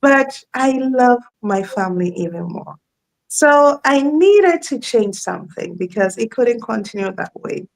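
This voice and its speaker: A woman in her thirties speaks as a guest on a live interview. She talks in a relaxed, chatty way and laughs easily. Her voice sits a little high and has a gravelly edge. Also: a little slow, poor audio. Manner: warm, chatty, laughs often.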